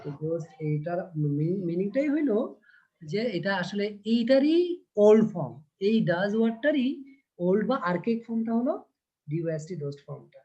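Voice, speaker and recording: A man teaching an online class, explaining patiently and reading lines slowly. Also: sits high, sing-song, dark tone. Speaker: English teacher. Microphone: video call. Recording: dull lo-fi video call audio.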